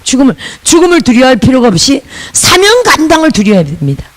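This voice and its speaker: A woman's voice: high voice, big pitch swings, fast talker, low-quality recording. A woman pastor from Busan, preaching a sermon in a chatty way with laughing asides and call-and-repeat lines.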